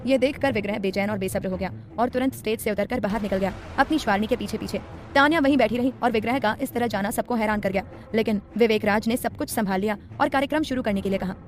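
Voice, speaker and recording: A woman narrating a romance audiobook in brisk, even storytelling. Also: medium pitch, a little hiss or hum. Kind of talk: scripted narration.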